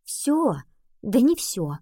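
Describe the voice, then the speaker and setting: A woman voicing a sharp-tongued teenage schoolgirl who wants to write a book, exasperated and sarcastic, in an audiobook. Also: fairly high pitch, sing-song, very slow, slightly rough, no echo, clean studio sound, pitched above the performer's own voice, heavily acted. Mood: wary. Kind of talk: audiobook reading.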